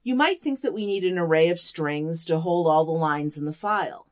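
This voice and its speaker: A woman's voice: low-pitched, normal speed. A woman teaching an online programming course, explaining step by step and asking the listener to think along. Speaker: course instructor. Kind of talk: lecture.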